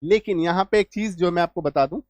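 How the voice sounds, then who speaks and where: A male teacher explaining English spelling rules, spelling out letters slowly and often asking whether the class has understood. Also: sits high, darkish tone, no echo, highs cut off. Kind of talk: spoken spelling lesson.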